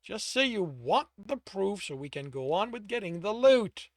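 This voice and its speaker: A man's voice: high voice, big pitch swings, moderate pace, dry recording, pitched above the performer's own voice. A man playing an impatient loot-hungry adventurer. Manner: impatient, pushy.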